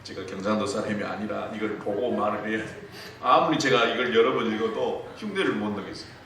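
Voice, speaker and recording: A male pastor preaching a sermon in a church, telling stories in a lively way. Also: lowish voice, fairly quick. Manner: storytelling, lively. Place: church sanctuary. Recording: echoey hall, distant mic, faint noise.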